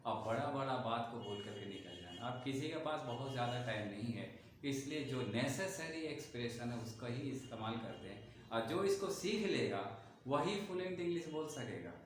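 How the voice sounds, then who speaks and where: A man's voice: mid-range voice, slight background noise. Man teaching English in an echoey room. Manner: explains step by step, writing on a board, addressing learners directly. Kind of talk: spoken English lesson in Hindi.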